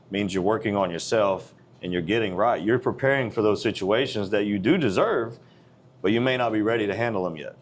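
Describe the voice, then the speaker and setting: Blunt, low-voiced man in his forties. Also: a little hiss or hum. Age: 40s. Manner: blunt, earnest, plain-spoken. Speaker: gym owner. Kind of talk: casual interview conversation.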